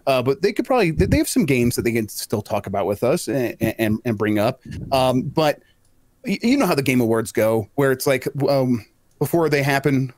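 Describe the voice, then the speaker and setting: A man's voice: mid-range voice, very animated, moderate pace, a little mellow, no echo. A man guesting on a podcast, talking casually with many hesitant restarts.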